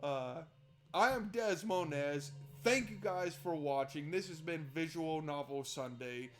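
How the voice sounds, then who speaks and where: Speaking unhurriedly in a slightly high voice, a man streams a game with loose, foul-mouthed commentary. He chats to himself and reads on-screen text aloud while game music plays behind him.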